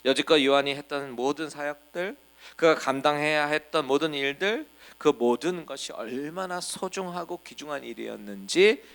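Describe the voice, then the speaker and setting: A man's voice: fairly high pitch, vocal fry, fairly bright tone. A middle-aged male pastor from Korea preaching a sermon in a folksy storytelling way, acting out little scenes. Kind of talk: expository sermon.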